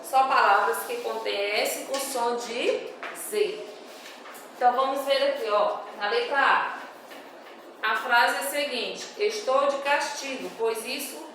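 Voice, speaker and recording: A woman, a primary school teacher going over homework answers with young children, patient and drawing her words out clearly. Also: high-pitched, a bit bright. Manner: slow, patient, reads words out syllable by syllable for young pupils. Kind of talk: recorded homework correction for children. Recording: very echoey room, voice far from the mic, faint noise.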